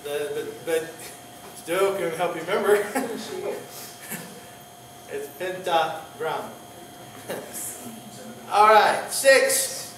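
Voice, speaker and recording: A man, a pastor, teaching an informal Greek class, talking in a halting way with many fillers and restarts and joking with his students. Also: a little high, fairly bright tone. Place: church classroom. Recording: roomy, distant classroom recording with faint hiss.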